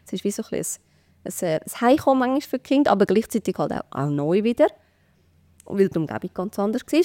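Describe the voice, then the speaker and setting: A woman with a Swiss German accent talks quickly and practically, walking through each step with frequent fillers. Her voice sits at a middling pitch. The sound is dry and close, with no room around it. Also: very animated, mellow, no room sound. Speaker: baby care expert guest. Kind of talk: conversational podcast explanation.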